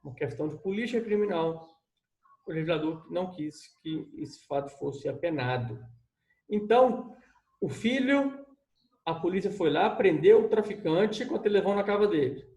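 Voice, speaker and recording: Lively law lecturer, echoey room. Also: male voice, sits high. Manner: lively, conversational, addresses students as "gente".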